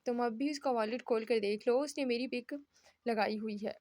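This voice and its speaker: A brash, scheming young woman, read by a woman, needles and taunts in a storybook reading. The voice is high. The sound is dry. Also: normal speed, darkish tone, no room sound, close to an everyday voice. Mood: taunting.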